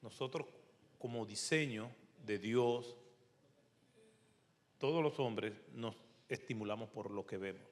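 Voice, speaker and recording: A man's voice: fairly low pitch, slow, long pauses. Preacherly man in a reverberant hall. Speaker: panel speaker. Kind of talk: church Q&A answer.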